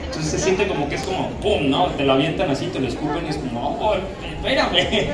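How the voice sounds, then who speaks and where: A man's voice: fairly high pitch, quick pace. A man with a northern Mexican accent, a voice actor chatting animatedly at a convention panel. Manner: chatty, animated, full of fillers. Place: convention hall. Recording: echoey hall, distant mic, crowd noise.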